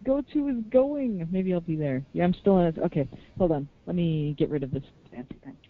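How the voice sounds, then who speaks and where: A woman's voice: fairly low pitch, animated, fairly quick. A woman calling into a meeting over a muffled, faint remote line, flustered as she fights with her audio. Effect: muffled, faint remote call audio. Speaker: remote participant in a board meeting. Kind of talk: casual meeting talk. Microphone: conference call line. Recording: muffled phone-like call line from far off.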